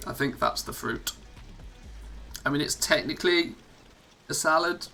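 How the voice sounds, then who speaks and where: A man's voice: a little high, measured pace, creaky, bright, forceful tone. An English man live streaming from home, chatting casually as he plays, self-mocking and laughing often. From England.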